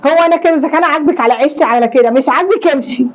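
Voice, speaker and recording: A woman's voice: high voice, racing, dull audio, close to an everyday voice. A woman playing a rude Egyptian daughter-in-law. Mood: defiant, scornful. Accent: Egyptian Arabic. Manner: blunt, dismissive retorts. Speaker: actor in a family sketch. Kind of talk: homemade family drama sketch.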